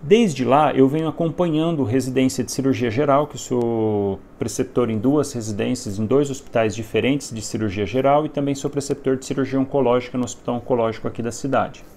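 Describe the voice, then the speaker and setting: A man's voice: medium pitch, brisk, few pauses, warm tone. A Brazilian man in his late thirties, a surgeon, talks casually on a livestream and guides young doctors. He is earnest and emphatic, comes back to his main points again and again, and restarts his phrases. His voice sits in a middle register, with a faint hiss of background noise.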